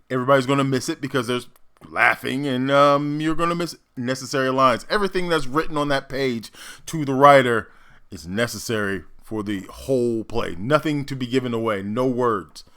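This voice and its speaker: An actor offers casual reaction commentary and explains stagecraft emphatically, often pausing as he thinks out loud. His voice is medium-pitched with a fairly bright tone.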